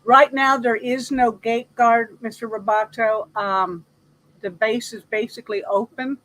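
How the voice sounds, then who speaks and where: A woman's voice: fairly high pitch, steady tone, measured pace, fairly bright tone, rough recording. A woman hosting a casual live chat about everyday practical matters, speaking conversationally.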